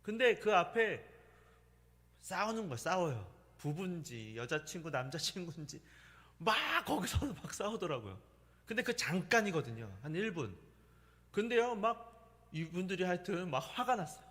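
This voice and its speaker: A man's voice: high-pitched, sing-song, normal speed, fairly bright tone. A middle-aged male pastor preaching a weeknight sermon in a conversational, storytelling way, laughing now and then. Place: church sanctuary. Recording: long hall reverb.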